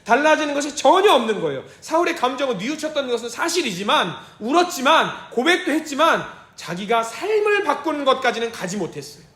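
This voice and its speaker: A man preaching a sermon as pastor, lively and theatrical, acting out the Bible figures with shouts and hushed asides. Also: very high-pitched, a little fast, few pauses. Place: church sanctuary. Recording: echoey church sound.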